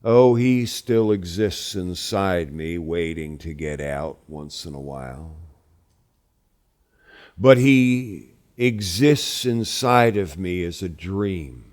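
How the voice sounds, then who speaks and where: A man who teaches wilderness classes recounting a personal spiritual experience, slow and emphatic, rising to loud peaks then sinking low. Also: animated. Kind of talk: spoken personal recollection.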